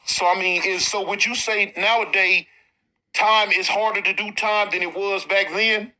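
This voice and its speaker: A man with an Alabama Southern accent interviewing in a casual, slangy way, with animated, informal reactions. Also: sits high, moderate pace, low-quality recording. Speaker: interviewer, former inmate.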